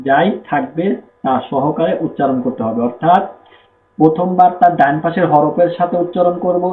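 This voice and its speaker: A man with a Bangladeshi Bengali accent teaching Quran reading, slowly repeating rules and asking and answering his own questions. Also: a little high. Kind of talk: step-by-step lesson with spelled-out drills. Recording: echoey room, tinny phone-like sound, faint noise.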